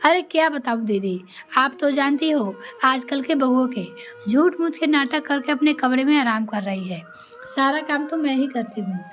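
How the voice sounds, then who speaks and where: A woman's voice: high-pitched, moderate pace, lightly acted. A woman voicing a boastful middle-aged sister. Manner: boastful, complaining.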